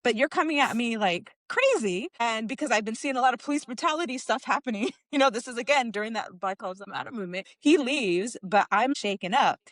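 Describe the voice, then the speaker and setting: A woman's voice: fairly high pitch, fast talker, hardly any pauses, a bit bright, no room sound. A woman co-hosting a podcast, telling a personal story in a candid, conversational way with frequent filler words. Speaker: podcast co-host.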